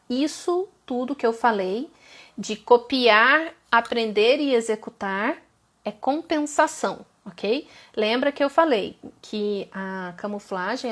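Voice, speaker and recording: Woman from Brazil, fairly high voice, chatty lecturer who keeps asking "ok?". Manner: chatty, often checks in with "ok?" and "tá?". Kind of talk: informal online lecture.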